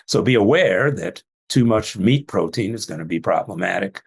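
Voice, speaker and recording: An older man with a low, gravelly voice speaks with a husky edge. He is a doctor telling stories in a casual podcast chat and laughs often as he goes. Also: lively intonation, normal speed. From Jamaican family, trained in Atlanta. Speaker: physician guest. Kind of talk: casual interview talk.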